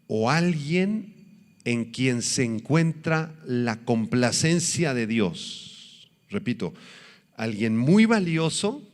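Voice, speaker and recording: A pastor delivering a sermon, teaching in an animated way and slowing down to stress his points. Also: medium pitch, long reverb tail. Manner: animated preaching, acts out quoted voices, slows for emphasis.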